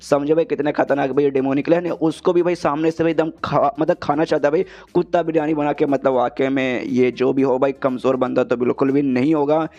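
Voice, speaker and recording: A man's voice: a little high, steady tone, brisk, hardly any pauses, a little mellow, muffled recording. A man retelling a comic story in a chatty, casual way, calling the listener "brother" again and again. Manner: chatty, says "bhai" in nearly every line. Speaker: manhwa recap narrator.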